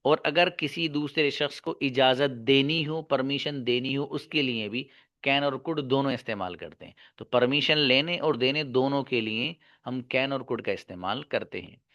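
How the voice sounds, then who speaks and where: A man's voice: medium pitch, unhurried, fairly bright tone. A male teacher giving a slide-based grammar lesson, explaining each phrase twice in two languages, then asking the class questions and answering them himself. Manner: addresses listeners informally as "bhai sahab" and "babu". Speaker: English teacher.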